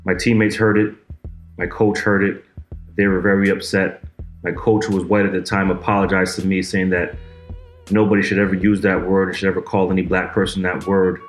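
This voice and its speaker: A man in his thirties from Montreal, a basketball coach, telling a personal story in a steady, even way. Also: sits low, fairly quick. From Montreal, Quebec. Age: 30s. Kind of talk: personal testimony to camera. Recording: echoey room, soft guitar music behind.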